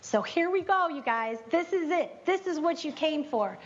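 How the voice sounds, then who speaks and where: A woman giving a chatty, animated devotional teaching, breaking into spoken prayers to God. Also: moderate pace, a little hiss or hum. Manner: chatty and animated, prays aloud with rising pitch. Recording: dull lo-fi recording.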